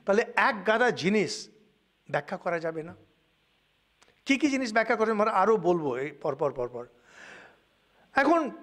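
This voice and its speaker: An older monk from India with a Bengali accent gives a spiritual lecture in a high-pitched voice, telling stories animatedly and mixing in English words.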